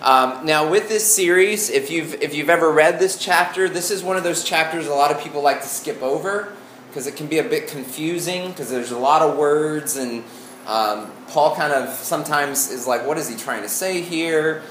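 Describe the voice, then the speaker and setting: A man with an Arkansas Southern accent teaching an informal sermon as a pastor, folksy and halting, often restarting his phrases. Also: a little high, fairly bright tone. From Arkansas, United States. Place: indoor room before a congregation. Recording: echoey room, faint background noise.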